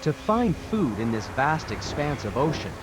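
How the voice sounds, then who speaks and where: A man's voice: medium pitch, very animated, moderate pace, noisy background. A man delivering scripted narration for a television wildlife documentary. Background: music.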